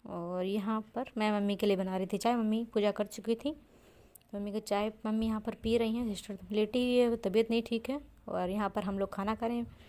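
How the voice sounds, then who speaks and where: A young adult woman narrating her vlog in a soft, chatty voice-over. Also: mid-range voice, steady tone, fairly quick. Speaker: vlogger.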